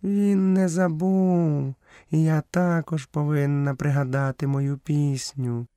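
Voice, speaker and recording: A man voicing a gentle, modest female panther in an audiobook, with a soft, coaxing, hushed manner. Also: on the high side, fairly even intonation, slow, smooth, no echo, studio quality, voice pushed up. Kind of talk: audiobook character voice.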